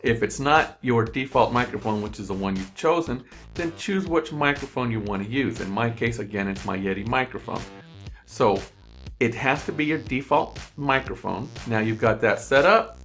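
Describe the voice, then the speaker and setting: A man's voice: medium pitch, animated, normal speed, fairly bright tone, faint music behind. A man explaining a computer task step by step in a screen-recorded tutorial, repeating himself as he goes, on a desk microphone at his computer. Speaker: online tutorial presenter. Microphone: USB desk microphone.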